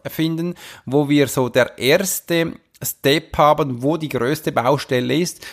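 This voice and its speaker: A man delivers an earnest coaching talk straight to the listener, his voice slightly raised and gravelly. He often breaks off and restarts his sentences as he explains. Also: fairly high pitch. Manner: earnest, addresses listener directly, frequent restarts. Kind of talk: podcast coaching monologue.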